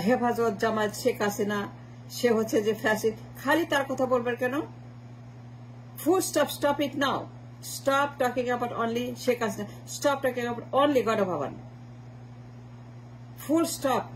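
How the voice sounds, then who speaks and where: A woman giving a forceful political monologue, mixing Bengali and English with insistent repetition. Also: on the high side, a little hiss or hum, poor audio. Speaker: political commentator.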